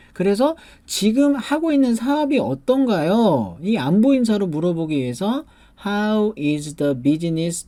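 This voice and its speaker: Lively, warm-voiced man teaching grammar. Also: sits high, no echo. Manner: explains step by step, often restarting with "자" and "그러니까"; reads English example sentences slowly, then translates them. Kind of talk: online video lecture.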